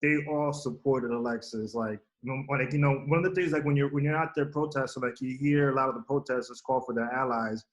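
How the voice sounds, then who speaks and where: A man's voice: mid-range voice, brisk, hardly any pauses, highs cut off. A man who works as a newspaper journalist, speaking hesitantly in a panel discussion and filling his sentences with "like" and "you know". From Pittsburgh.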